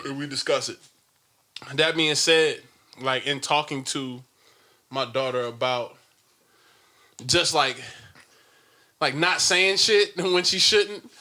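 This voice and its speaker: A man co-hosting a casual podcast, relaxed and often laughing, acting out talks with his daughter. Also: on the high side, slow, long pauses. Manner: laid-back, laughs often, acts out dialogue with his daughter. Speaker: podcast co-host and father. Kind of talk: casual chat.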